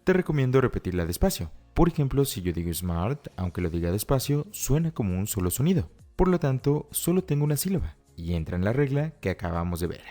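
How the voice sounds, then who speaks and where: Man, teacher, scripted lesson, deep voice, lively intonation, careful step-by-step explaining. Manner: explains step by step, often repeating "si observaste bien" and "por lo tanto"; reads example phrases slowly and carefully. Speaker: English teacher. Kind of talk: scripted Spanish-language grammar lesson. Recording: soft music underneath.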